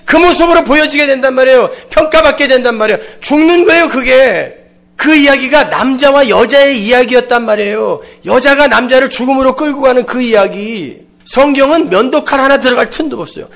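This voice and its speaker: A male preacher with a high-pitched voice delivers a dramatic sermon, sinking into hushed low asides and then rising into forceful emphasis. He acts out dialogue as he goes. The recording sounds dull and lo-fi. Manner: acts out quoted speech of God and Cain. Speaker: pastor.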